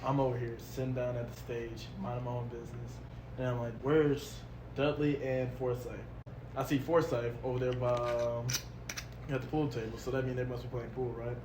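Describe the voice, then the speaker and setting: A man's voice: medium pitch, flat delivery, moderate pace, reverberant, noisy background. A man co-hosting a casual podcast, telling a story animatedly with lots of swearing. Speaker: podcast co-host. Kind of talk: casual chat.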